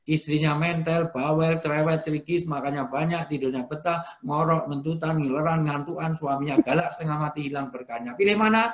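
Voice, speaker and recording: A man preaching a sermon in an animated way, moving between loud and soft delivery. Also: fairly high pitch, a little fast, hardly any pauses. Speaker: Islamic preacher. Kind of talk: sermon for an online gathering. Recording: roomy echo.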